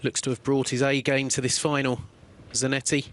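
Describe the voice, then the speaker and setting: A man giving calm, explanatory play-by-play commentary on a billiards match. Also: medium pitch, a little fast. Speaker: sports commentator.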